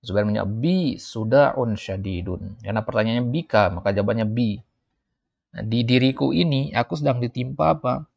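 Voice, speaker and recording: A man teaching an Arabic textbook dialogue in class style, reading the Arabic lines slowly and then translating and explaining them. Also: fairly even intonation, creaky, no room sound. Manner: lifts his voice when reading quotes, drops low for asides. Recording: dull, muffled dry recording.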